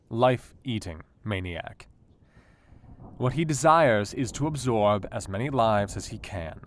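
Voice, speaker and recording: Man acting Doctor Seward, low-voiced brooding Victorian doctor. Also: natural voice. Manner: measured, brooding, formal diction. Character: brooding Victorian asylum doctor, melancholy and intellectual. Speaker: actor in an audio drama. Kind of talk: dramatic diary monologue, radio play. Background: guitar music.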